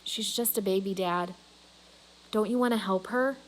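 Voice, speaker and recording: A woman voicing an earnest, caring young girl who gently insists, in a children's novel read aloud. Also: medium pitch, normal speed, lightly acted, rough recording. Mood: pleading.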